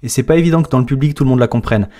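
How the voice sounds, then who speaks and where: A man's voice: mid-range voice, rapid-fire, warm tone. A French-speaking man coaching English pronunciation, breaking down each sound step by step in an explanatory lesson.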